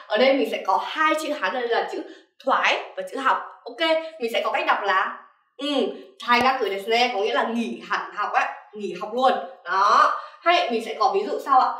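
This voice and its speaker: In a Japanese vocabulary lesson, a young woman who calls herself sensei keeps asking "right?" to check understanding. She has a sharp tone and a somewhat high voice. The distant, off-mic recording picks up the echo of the room.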